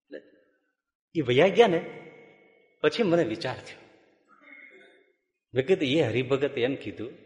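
Monk preaching in an echoey hall. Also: male voice, medium pitch, measured pace, long pauses. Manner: lively storyteller, chuckling through funny anecdotes. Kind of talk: sermon with folksy storytelling.

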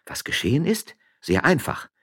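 A man's voice: fairly high pitch, huge pitch swings, moderate pace, husky, pitched above the performer's own voice, exaggerated voice. A man voicing a proud, fiery young miller's wife who speaks firmly and indignantly.

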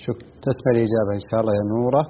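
A man hosting a call-in question show, politely greeting callers and moving them along briskly. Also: medium pitch, steady tone. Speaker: radio call-in host. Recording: phone-like lo-fi broadcast with faint noise.

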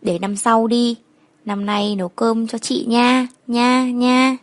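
A woman's voice: on the high side, flat delivery, slow pace, dry recording. A woman voicing a young village girl's older sister, bossy but coaxing.

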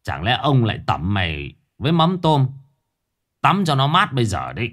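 A man voicing a gruff middle-aged village husband in a ghost story, blunt and scolding. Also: medium pitch, huge pitch swings, moderate pace, fairly bright tone.

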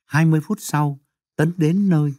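A man narrating a story aloud in an expressive storytelling manner. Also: normal speed, dry recording, studio quality. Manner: expressive storytelling with swooping pitch.

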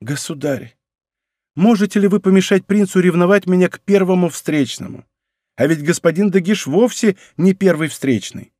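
A man's voice: high-pitched, moderate pace, darkish tone, dry recording, clean studio sound, voice pushed up. A man voicing a proud young princess in an audiobook, pleading and slightly mocking. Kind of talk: audiobook character reading.

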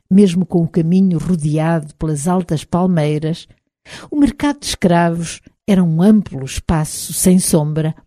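A woman with a European Portuguese accent narrating an audiobook in the first person, in a measured, expressive reading. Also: deep voice, dry recording, studio quality.

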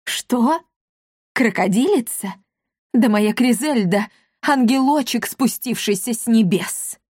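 A woman's voice: mid-range voice, normal speed, a little mellow, dry recording, clean studio sound, close to an everyday voice. Woman voicing an old village headman, pompous, touchy, whiny, indignant, audiobook. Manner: indignant, whining, aggrieved.

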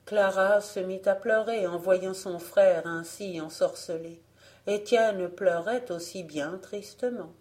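A woman reading a fairy tale aloud as an audiobook, narrating in a calm, even way. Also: medium pitch, slow pace. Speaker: audiobook reader. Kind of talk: scripted narration.

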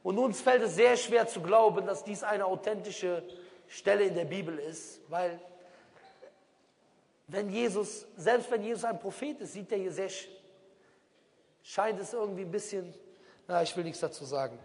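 An animated male preacher addressing a crowd from a stage, arguing point by point and throwing out rhetorical questions. His voice sits high for a man. A long hall reverb trails every phrase. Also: moderate pace, gravelly, long pauses. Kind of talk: lively sermon-style talk on stage. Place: stage in a large venue.

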